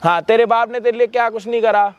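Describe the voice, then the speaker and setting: A man hosting a staged prank video, scolding loudly, repeating words and swearing. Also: very high-pitched, fast, highs cut off, slight background noise.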